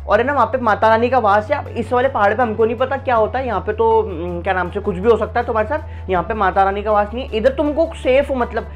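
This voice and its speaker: An earnest young local man, as a storyteller puts him on, pleads urgently and insistently. The voice sits slightly higher than the narrator's own. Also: fast, hardly any pauses, faint music behind, natural voice.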